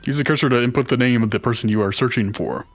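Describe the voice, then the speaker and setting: A man playing a retro adventure game with friends, reading the on-screen text aloud in a plain, even voice. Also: medium pitch, fast talker, no room sound, faint music behind. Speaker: let's play player.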